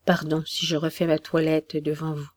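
A storyteller voicing a graceful sixteen-year-old male acrobat who speaks gently and politely in a storybook reading. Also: medium pitch, monotone, moderate pace, dry recording, natural voice. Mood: earnest.

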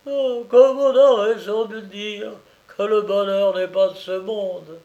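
A man's voice: sits high, steady tone, slow, a little mellow, dull audio, voice pushed up. A man voicing an anxious aristocratic mother who exclaims in distress over her daughter. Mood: distraught. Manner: emotional, exclaiming.

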